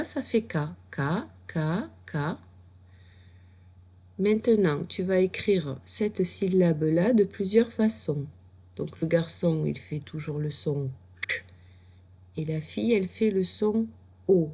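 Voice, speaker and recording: A woman teacher, slowly and patiently spelling out letters and sounds for a child in a recorded reading lesson. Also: fairly low pitch, mellow, breathy edge. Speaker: primary school teacher.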